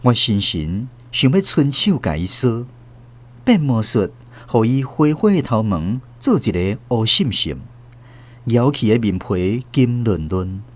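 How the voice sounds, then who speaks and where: An actor voices an elderly grandfather with a Taiwanese accent, narrating a radio drama in a tender, wistful, literary style. His mid-range voice has a sing-song quality and a measured pace, and the storytelling is emotive and reflective.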